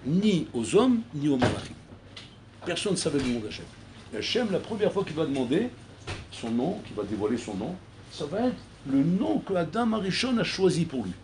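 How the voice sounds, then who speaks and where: A man, a rabbi, giving a recorded Torah class, animated and acting out dialogues between figures, mixing in Hebrew terms. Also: a little high, moderate pace, slight background noise.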